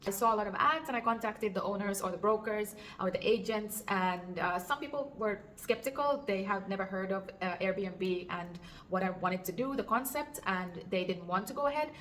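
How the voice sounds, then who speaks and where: A woman's voice: medium pitch, moderate pace, fairly bright tone, a little hiss or hum. A woman in her thirties from Finland, chatting earnestly to camera in an apartment, with fillers. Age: 30s. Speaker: vlogger and Airbnb host. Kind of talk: casual vlog talk to camera. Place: apartment indoors.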